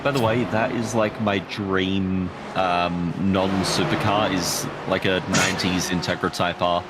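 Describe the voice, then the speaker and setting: A man's voice: deep voice, steady tone, measured pace. A man chatting casually on a racing stream, an eager car fan who talks with hesitant fillers. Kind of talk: casual chat. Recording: loud noise over the voice.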